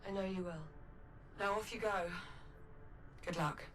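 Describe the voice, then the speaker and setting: A woman playing a steady, resolute space captain in a video game, direct, firm and caring. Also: mid-range voice, measured pace, slight background noise, close to an everyday voice. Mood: reassuring.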